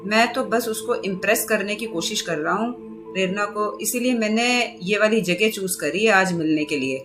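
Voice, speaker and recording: A woman's voice: medium pitch, normal speed, over music, lightly acted. A woman reading a story aloud, voicing a nervous young man who is smitten and stammers, in Hindi narration. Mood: eager.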